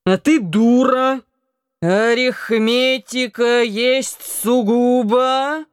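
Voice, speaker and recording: A woman reading an audiobook, voicing a drunk, rowdy young male naval cadet who shouts hoarsely and chants in a slurred sing-song. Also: fairly high pitch, fairly even intonation, drawn-out words, no echo, studio quality, pitched above the performer's own voice. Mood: drunken bellowing.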